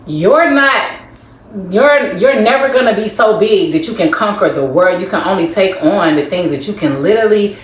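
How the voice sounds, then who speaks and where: A woman's voice: mid-range voice, expressive, moderate pace. A woman co-hosting a casual podcast chat, talking reflectively with many fillers. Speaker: podcast co-host. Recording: echoey room, faint ambience.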